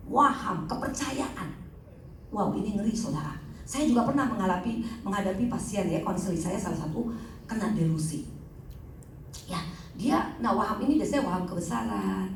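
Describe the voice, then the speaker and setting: A middle-aged woman counselor teaches a group, animated and acting out the people she describes. Her voice sits a bit high, and it rings through a very echoey hall. She sounds set back from the microphone, with faint room noise behind her. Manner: animated, acts out patients' voices. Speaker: counselor giving a talk. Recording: echoey hall, mic at a distance.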